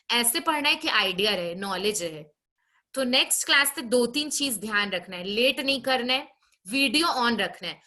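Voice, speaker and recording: Bright-voiced woman teacher scolding online class. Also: on the high side. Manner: scolding, brisk, frequent tag questions. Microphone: video call.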